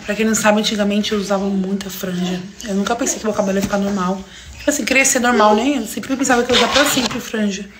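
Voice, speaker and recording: Brazilian woman, 20s, mid-pitched casual vlog chat, clear background noise. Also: fairly even intonation, quick pace. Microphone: phone propped close in front. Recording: clearly noisy phone recording.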